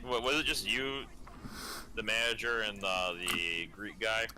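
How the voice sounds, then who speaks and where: A man on voice chat giving short, low-key reactions and farewells. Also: steady tone, a little slow, sharp tone, poor audio. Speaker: voice chat participant.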